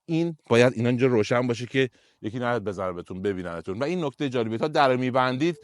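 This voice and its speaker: A man's voice: medium pitch, lively intonation, no echo, clean studio sound. Chatty Iranian man reviewing a car. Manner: chatty, opinionated, pointing things out. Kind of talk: casual walkaround car review.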